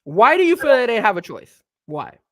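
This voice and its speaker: A man's voice: very high-pitched, huge pitch swings, normal speed, pushed and bright, dry recording, studio quality. A man co-hosting a casual wrestling talk show, ranting heatedly with cursing and rhetorical questions. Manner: rhetorical questions, laughs often. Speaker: co-host.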